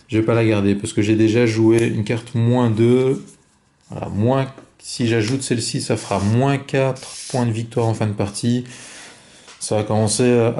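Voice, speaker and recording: A man calmly talking through his own board game turn, explaining each card and move step by step. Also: lowish voice. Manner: calm, methodical, explains each move aloud. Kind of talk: solo board game playthrough commentary.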